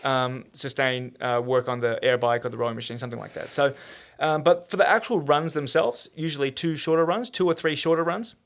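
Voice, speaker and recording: A man hosting a podcast, chatting casually and quickly with plenty of fillers and restarts. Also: medium pitch. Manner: fast, animated, lots of fillers and restarts. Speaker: podcast host and trainer.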